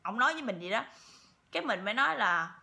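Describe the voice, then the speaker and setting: A woman vlogger rattles off a story to her audience very fast, repeating words and filling gaps with fillers. Her fairly high voice is animated, gravelly, bright and forceful.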